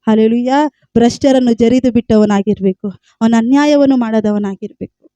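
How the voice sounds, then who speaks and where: A woman's voice: fairly high pitch, dark tone, no room sound. A woman preaching a sermon with a Kannada accent, emphatic, repeating phrases and calling out hallelujah.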